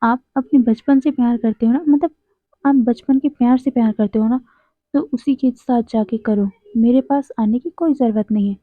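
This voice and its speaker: A woman's voice: a little high, normal speed, no room sound, lightly acted. A woman reading the lines of a sulky, irritated young man in a storytelling narration, pouting and complaining. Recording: dry, tinny phone-like audio.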